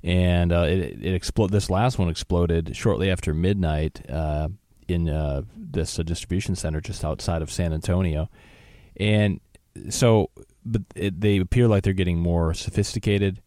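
A man's voice: low-pitched, fairly even intonation, normal speed, warm tone, no echo, clean studio sound. A man co-hosting a talk show, discussing the news in a loose conversational way with many fillers and restarts. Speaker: co-host.

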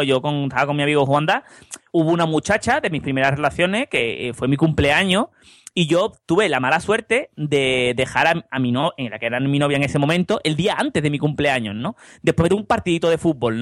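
High-voiced Andalusian man telling rambling stories. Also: animated, fairly quick, fairly bright tone, dry recording, clean studio sound. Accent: Andalusian Spanish. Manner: rambling anecdotes, constant tag questions. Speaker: podcast co-host. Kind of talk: casual chat, storytelling.

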